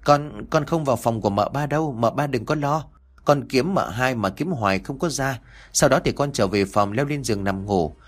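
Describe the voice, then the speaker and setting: A man's voice: mid-range voice, normal speed, natural voice. A man voicing a confused young maid. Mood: confused pleading. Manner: stammering, pleading.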